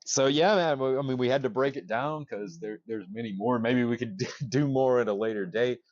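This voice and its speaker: A man co-hosting a casual podcast, rambling excitedly with many restarts and casual swearing. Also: mid-range voice, fairly quick, no room sound, dull audio. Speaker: podcast co-host. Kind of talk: casual chat.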